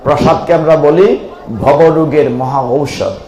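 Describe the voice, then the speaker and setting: A man's voice: a little high, steady tone, a little slow, vocal fry, warm tone, echoey room, slight background noise, rough recording. A man giving a devotional sermon, impassioned and pleading, breaking into sung chants. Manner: impassioned, rising to fervent calls and sung chants. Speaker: Gita preacher.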